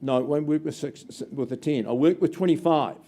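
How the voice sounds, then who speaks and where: High-pitched male auctioneer calling bids. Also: a little fast, mellow. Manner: projected, emphatic count-down calls to the room. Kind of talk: live property auction calling. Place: live auction room with bidders.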